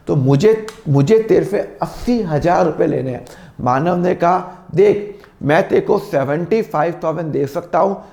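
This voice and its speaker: A man teaching accounting, with a slightly sore throat he keeps clearing, acting out both sides of made-up phone calls. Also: a little high, warm tone. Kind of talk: classroom lesson with acted dialogues.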